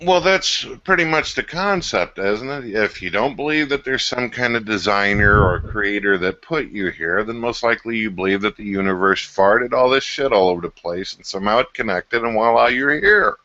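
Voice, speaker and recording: A low-voiced American man with a Missouri twang argues in a sharp, forceful tone. He is colloquial and swears as he debates. The sound is a muffled, lo-fi call. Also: expressive, moderate pace, few pauses, no room sound. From Missouri, USA. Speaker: caller. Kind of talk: casual heated debate.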